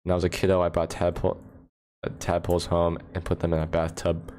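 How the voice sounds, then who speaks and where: Low-voiced man rambling on a livestream. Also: completely flat delivery, fast, a little mellow, clean tone. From United States. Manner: rambling, laughs often, answers chat questions. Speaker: livestream host. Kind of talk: casual livestream chat. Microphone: phone.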